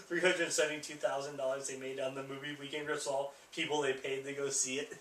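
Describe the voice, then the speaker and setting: A man's voice: mid-range voice, flat delivery, fairly quick, fairly bright tone, distant mic. A man hosting a casual film review chat, sounding tipsy as he rambles and loses track. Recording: roomy echo, off-mic, faint noise.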